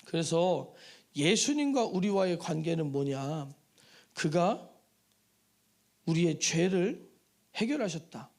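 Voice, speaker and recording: Pastor guy preaching in church, pretty high voice that jumps all over, chatty with lots of questions to the room. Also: takes it slowly, pauses often. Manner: lively and conversational, with rhetorical questions and asides to the congregation. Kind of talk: sermon. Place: church sanctuary.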